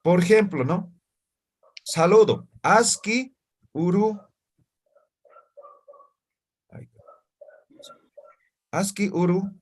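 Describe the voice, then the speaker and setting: A man's voice: high voice, animated, slow pace. A man teaching a language class, explaining step by step and checking often that students follow. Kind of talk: classroom lesson.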